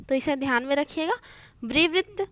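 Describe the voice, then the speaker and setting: A woman's voice: high-pitched, expressive, moderate pace, a bit bright. A young woman teaching a Hindi grammar lesson online, patiently repeating points and mixing in English words. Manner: patient, repeats points with frequent "theek hai" checks.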